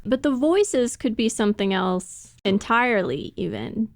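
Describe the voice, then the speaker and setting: A woman's voice: on the high side, animated, unhurried, vocal fry, no echo. Woman, podcast co-host, casual discussion, explanatory, laughs while talking, dry close sound.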